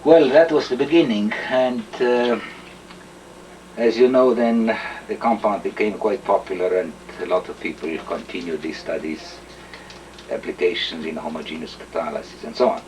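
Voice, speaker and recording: Older Estonian man, slow halting recollection. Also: fairly low pitch, steady tone, a little mellow, recorded from a distance, slight background noise, poor audio. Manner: measured, hesitant, many fillers and throat clearing. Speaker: interviewee, chemist. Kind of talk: oral history interview.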